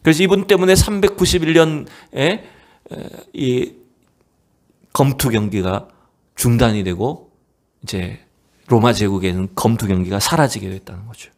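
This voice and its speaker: Korean pastor telling a dramatic sermon story. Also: male voice, medium pitch, animated, moderate pace. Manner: dramatic storytelling, swinging from raised exclamations to hushed near-whispers; asks the congregation rhetorical questions. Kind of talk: Wednesday evening sermon. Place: church sanctuary.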